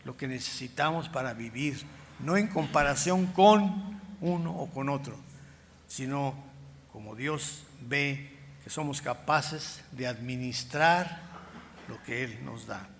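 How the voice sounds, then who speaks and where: An older man with a Mexican accent, a pastor preaching a sermon with personal testimony, speaking emphatically and slowing down as his voice swells louder on key points. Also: medium pitch, expressive. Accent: Mexican Spanish. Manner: emphatic, slow stretches rising in loudness, acts out past dialogues. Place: church sanctuary. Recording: long church reverb, faint room noise.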